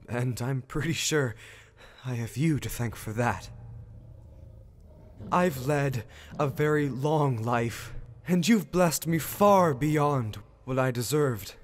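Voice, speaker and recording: An actor playing a devout, weary old prophet on stage, earnest and pleading with God. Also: male voice, a little high. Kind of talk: projected stage drama acting. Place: theatre stage with cave set. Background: music.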